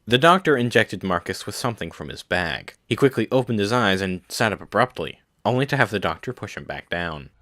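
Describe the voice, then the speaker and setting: A man narrates a science-fiction novel in a very low voice. The sound is dry and close to the mic, and his reading is steady and measured. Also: dry recording. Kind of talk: scripted audiobook narration.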